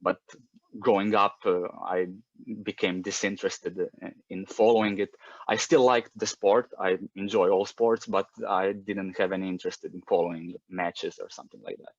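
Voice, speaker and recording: A man's voice: low-pitched, flat delivery, moderate pace, no echo, muffled recording. A man in his thirties from Croatia with a Croatian accent, talking in a casual interview with many fillers and restarts. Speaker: guest.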